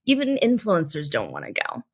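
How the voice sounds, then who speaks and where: A woman podcast host in casual, animated chat, laughing often. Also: deep voice, a little fast, slightly rough.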